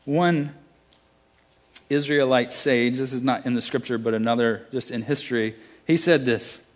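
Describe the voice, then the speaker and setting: A man's voice: medium pitch, normal speed. A man with a Southern US accent preaching a sermon, emphatic, with casual asides and restarts.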